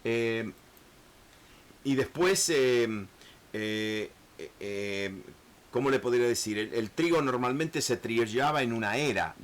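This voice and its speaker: A man teaching a Bible lesson in an earnest, halting way, often restarting words and acting out the people in the text. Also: medium pitch. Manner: earnest, repetitive, many hesitations and restarts; acts out biblical speakers in shifting voices.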